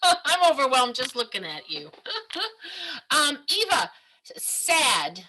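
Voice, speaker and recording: A woman guides a group through an improv exercise on a video call. Her voice is bright and sits fairly high, and she keeps up an upbeat, encouraging delivery full of quick laughs. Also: sing-song, poor audio. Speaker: improv workshop facilitator.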